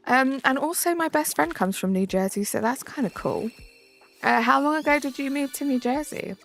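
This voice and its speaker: Speaking in a high voice with vocal fry, a young Southern English woman casually reads and answers questions from her live-stream chat. She's chatty and uses fillers like "um" and "like."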